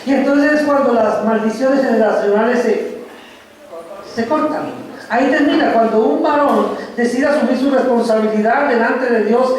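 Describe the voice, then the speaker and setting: Pastor preaching in an echoey church. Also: male voice, extremely high pitch. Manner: slow, reflective preaching with pauses. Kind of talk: sermon. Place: church sanctuary. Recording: echoey church hall from far off.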